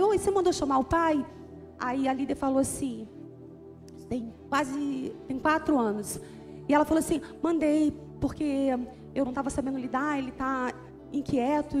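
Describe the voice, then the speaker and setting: A woman's voice: high voice, a little mellow. A woman with a Brazilian Portuguese accent preaching a sermon, telling a personal story earnestly and building to emphatic appeals. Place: church auditorium. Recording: church hall with long reverb, faint music.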